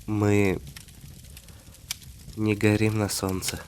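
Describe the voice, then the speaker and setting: A man playing a tender, devoted half-vampire husband in a soft ASMR romantic role-play, speaking intimately with hesitant pauses. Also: on the low side, completely flat delivery, a little hiss or hum. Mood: calm, musing.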